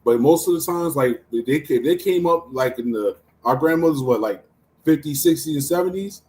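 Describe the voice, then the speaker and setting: A man's voice: on the high side, lively intonation, moderate pace, a little mellow, poor audio. A man in his forties in a casual podcast debate, insisting on finishing his point with many restarts. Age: 40s. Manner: holds the floor, stammers restarts, hold up. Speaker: podcast co-host.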